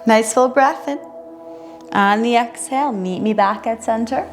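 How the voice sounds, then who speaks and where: A woman instructing a chair yoga class in a careful, unhurried way, gently guiding each movement. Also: a little high. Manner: careful, unhurried, measured delivery. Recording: roomy echo, music underneath. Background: music.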